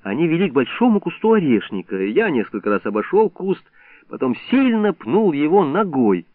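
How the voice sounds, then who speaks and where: Expressive male audiobook narrator. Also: fairly high pitch, moderate pace, no echo. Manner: expressive, storytelling. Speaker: audiobook reader. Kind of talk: first-person literary narration. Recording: dry, narrow phone-like sound.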